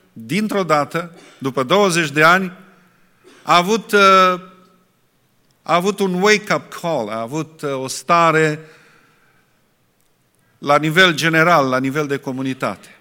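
A man's voice: a little high, pauses often, bright, forceful tone, in a large hall. A man preaching a sermon earnestly, asking his listeners rhetorical questions.

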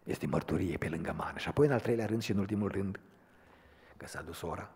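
A man preaching a sermon in a church, moving from quiet storytelling to loud, emphatic preaching. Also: low-pitched, slightly rough. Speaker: Pentecostal preacher. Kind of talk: sermon with personal testimony. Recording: long hall reverb.

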